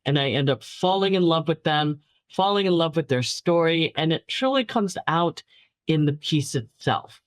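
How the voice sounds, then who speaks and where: A woman with a deep, animated voice speaks at a moderate pace on a dry recording. She is a guest filmmaker from New York City who first spoke Chinese, warmly recounting stories in a casual interview, repeating words for emphasis with light laughter.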